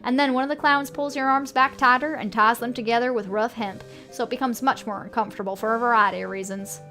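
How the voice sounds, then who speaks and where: A woman with a fairly high voice plays through a story game on stream. She narrates the on-screen text and drops in casual reactions of her own, with faint music underneath. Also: steady tone, fast talker, sharp tone. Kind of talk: video game playthrough, reading text aloud with casual reactions.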